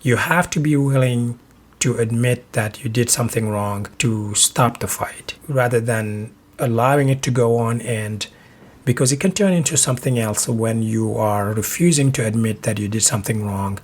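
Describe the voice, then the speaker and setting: Male podcast host from Senegal, slightly husky, calm and reflective advice delivery. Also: mid-range voice, normal speed.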